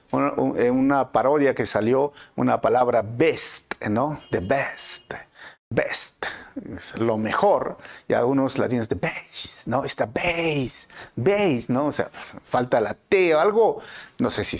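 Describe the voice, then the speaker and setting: A man with a Peruvian Spanish accent teaching a Bible passage in a conversational way, often checking in with his listeners. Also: creaky. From Peru. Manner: conversational, frequent tag questions, animated swings in pitch. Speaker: pastor.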